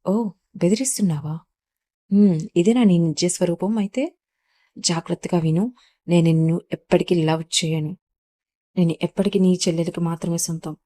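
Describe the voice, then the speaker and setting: A rich young businessman, as a woman narrator reads him, curt and firm. The voice is low and warm, told like a storybook read aloud. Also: steady tone, moderate pace, long pauses, close to an everyday voice. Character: rich young businessman, cold then pleading.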